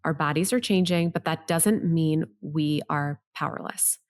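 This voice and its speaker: With a low voice and a slightly slow pace, a middle-aged woman delivers her health podcast straight to the listener. Her advice comes across upbeat and tidy, organized and encouraging in the manner of an advice vlogger.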